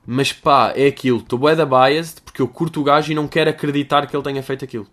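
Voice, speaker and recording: A man's voice: mid-range voice, fairly even intonation, fast, a bit bright. A young man with a European Portuguese accent, answering listener questions in a rambling, crude, jokey comedic monologue.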